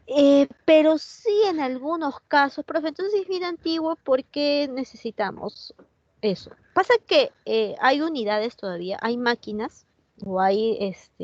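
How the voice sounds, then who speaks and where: Her slightly high, darkish voice comes through a muffled recording with no echo. She's from Peru and speaks with a Peruvian Spanish accent while running a chatty online chemistry lesson, frequently asking students questions and responding to what they say.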